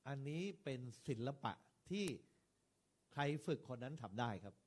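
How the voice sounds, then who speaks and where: A man's voice: mid-range voice, normal speed. A man, a Buddhist monk, lecturing fellow monks on how to preach, talking in a conversational way with varied stress and rhythm and putting questions straight to his listeners. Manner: varied stress and rhythm, lively rises and falls.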